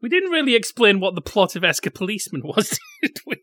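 A man co-hosting a film review podcast, chatting in a sardonic way and tossing in silly quick voices. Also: high voice, big pitch swings, pushed and bright, no room sound. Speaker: podcast co-host. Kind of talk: casual film review chat.

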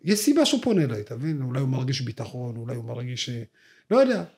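In a casual podcast chat, this young co-host rambles through stories in slang, packed with fillers and restarts. He speaks at a medium pitch with a sing-song, slightly mellow quality.

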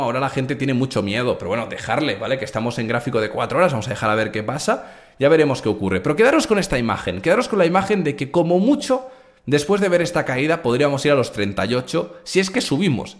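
Brash, lively man streaming market talk. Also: medium pitch. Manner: brash, crude, animated, talks straight to chat. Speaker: crypto trading streamer. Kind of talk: live stream market commentary.

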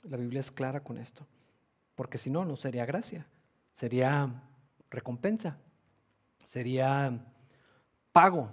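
A man's voice: medium pitch, a little slow, long pauses, husky. A man preaching a sermon in an earnest way, restarting phrases often and stressing words by repeating them. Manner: earnest, repetitive, with frequent restarts and fillers. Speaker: pastor.

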